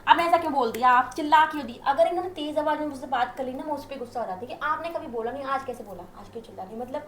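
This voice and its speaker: A woman guest in a casual interview, talking a lot and telling animated stories about her marriage. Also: high voice, racing, reverberant. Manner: talkative, animated storytelling.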